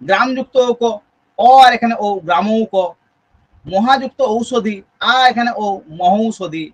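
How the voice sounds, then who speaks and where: A man's voice: high-pitched, a little slow, lo-fi sound. A man with a Bengali accent teaching a Sanskrit grammar lesson, explaining step by step and checking in with students through frequent questions. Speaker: Sanskrit tutor. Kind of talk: exam-prep grammar lesson.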